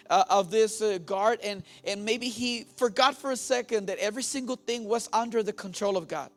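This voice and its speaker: Mexican man, pastor, bilingual sermon, high and gravelly, calls and response with the flock, soft music under him. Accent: Mexican Spanish. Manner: switches between Spanish and English, repeating each point; asks the congregation questions and has them repeat.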